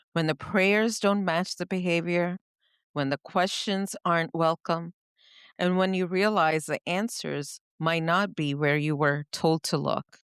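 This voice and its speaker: Smooth-voiced woman telling her story. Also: lowish voice, dry recording, studio quality. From India. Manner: reflective, searching for words, frequent "you know". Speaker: podcast co-host. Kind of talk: personal storytelling in conversation.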